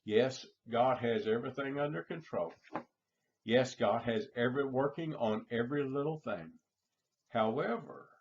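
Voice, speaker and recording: A middle-aged man, preaching a sermon in a slow storytelling manner and repeating his phrases. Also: medium pitch. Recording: dull lo-fi recording.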